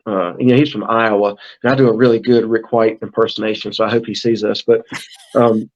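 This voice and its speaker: The recording is muffled, and this middle-aged brand manager, a guest on a podcast, speaks briskly in a lowish voice with little pitch movement. He's chatty and casual, frequently using fillers and restarting.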